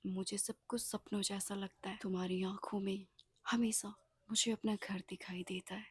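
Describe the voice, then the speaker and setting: Woman doing a tender hushed businesswoman. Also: mid-range voice, level tone, moderate pace, slightly rough, no room sound, studio quality. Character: calm protective young businesswoman, tender.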